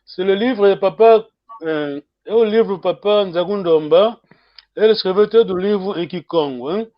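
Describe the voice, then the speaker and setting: Slow, high-voiced male language teacher. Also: lo-fi sound. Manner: slow, switches languages, laughs often. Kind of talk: live-streamed language lesson.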